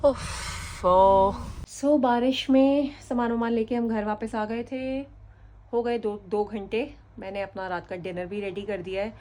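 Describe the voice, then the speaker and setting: A woman's voice: a little high, moderate pace. A woman in her thirties from India, chatting casually to viewers as she films her family vlog on a handheld phone. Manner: chatty, relaxed, addresses viewers directly. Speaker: family vlogger, mother of two. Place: out and about: streets, restaurant, café, home. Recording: vlog audio with clear background noise.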